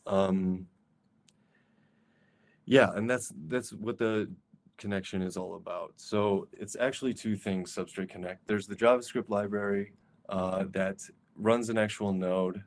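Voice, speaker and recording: A man's voice: on the low side, steady tone, unhurried. A man giving a casual virtual conference talk over a video call, with frequent fillers and restarts. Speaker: conference speaker.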